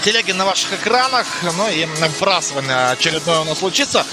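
A man giving live ice hockey commentary in a conversational way, pausing to find words. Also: a little high, music in the background.

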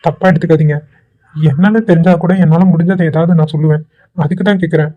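Voicing a kind, worried young man for a Tweencraft cartoon, a performer talks fast in an anxious, pleading way, sounding concerned. His medium-pitched voice stays fairly even in intonation and close to an everyday voice. The sound is phone quality.

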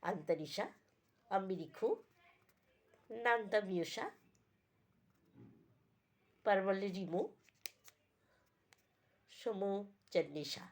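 A woman's voice: mid-range voice, takes it slowly, pauses often. A woman voicing a young man who sweet-talks his father about his girlfriends. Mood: coaxing. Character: young man boasting son, lovestruck.

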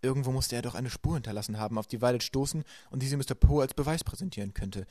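A man reading a children's novel aloud as a homemade audiobook, in brisk, even storytelling. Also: medium pitch, no room sound, studio quality. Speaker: audiobook narrator.

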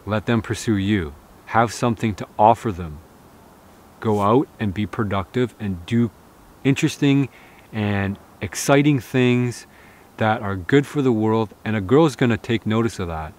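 A man's voice: lowish voice, measured pace, a little mellow. Earnest bearded man giving advice outdoors. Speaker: outdoor vlogger. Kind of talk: casual talk to camera, reading viewer comments. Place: outdoors in a snowy forest. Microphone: camera close in front, seated.

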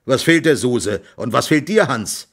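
A man reading an audiobook voices an excitable, blustering middle-aged male tenant farmer who talks loudly in exclamations. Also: medium pitch, unhurried, breathy edge. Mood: agitated. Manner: loud, exclaiming, scolding.

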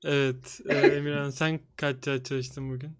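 A man's voice: medium pitch, flat delivery, over a noisy crowd. A young man hosting a casual online study call, upbeat and teasing as he calls on each participant. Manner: upbeat, quick to tease and cheer others on. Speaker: host of an online study session. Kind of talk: casual group video call. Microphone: video call.

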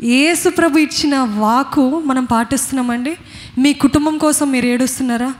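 A woman's voice: high voice, normal speed. A woman with a Telugu accent preaching a sermon, earnestly questioning her congregation. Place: church. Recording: long hall reverb.

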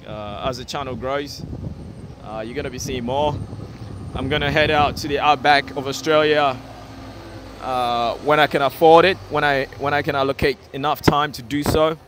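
Reading out comments from viewers, a young man born in Ghana chats casually on a live stream from a sunny city street, his voice medium in pitch and normal in speed. His manner is easygoing and repetitive, full of "okay" and "yeah." Traffic and street noise come through on the phone, which he holds at arm's length.

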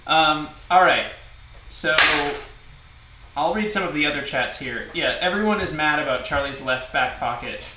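A young man with a slightly high voice chats loosely while cooking, reading out viewer messages between laughs. He sits back from the mic in an echoey kitchen, under loud background noise. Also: normal speed, distant mic. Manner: relaxed, laughing, reads viewer messages aloud. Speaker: host. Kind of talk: casual livestream chat. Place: home kitchen, indoors. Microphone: far camera.

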